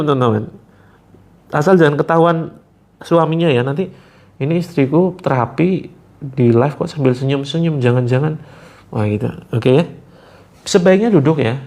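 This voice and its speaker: A man hosting a live spiritual therapy session, giving gentle instructions with light jokes. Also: a little high.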